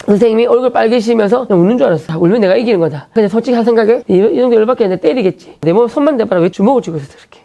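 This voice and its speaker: A man who serves as a school vice principal tells his faith testimony in a lively way, acting out the people he quotes. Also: high voice. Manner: lively, acts out quotes with voices. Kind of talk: animated testimony storytelling.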